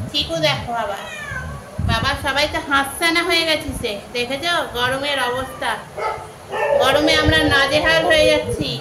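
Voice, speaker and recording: High-voiced woman teasing her cats. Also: noisy background. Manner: teasing, talks to cats like children. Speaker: vlogger filming her cats. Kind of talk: casual chatty narration to viewers and pets.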